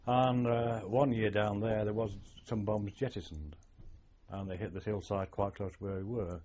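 On dull lo-fi archive tape with slight hiss or hum, a former sailor from England recalls growing up and serving in the navy for an oral history. He speaks at a moderate pace in a fairly low, steady, slightly mellow voice. His manner is reflective and wry, full of storytelling.

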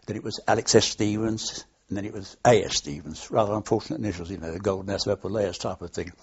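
An older Londoner talks fast in a fairly low, breathy voice, reminiscing unscripted for an oral history interview. His anecdotes ramble with frequent hesitations, and the audio is dull.

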